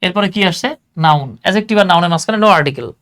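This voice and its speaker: High-pitched and animated, with a fairly bright tone, this man runs a casual English grammar class. He works through it step by step, going back over key points, posing rhetorical questions, and slowing to spell words while writing them.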